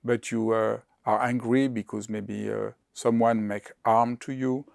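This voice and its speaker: A man's voice: lowish voice, little pitch movement, vocal fry, a little mellow, no room sound. Hesitant man, dry sound. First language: French. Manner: hesitant, halting, with restarts. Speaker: host. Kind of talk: conversational interview questions.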